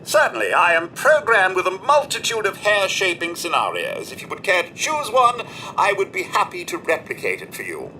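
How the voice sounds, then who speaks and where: A man's voice: high voice, very animated, moderate pace, sharp tone, slight background noise, exaggerated voice, rough recording. An actor playing a polite, formal male robot butler in a video game, speaking with a servant's courtesy.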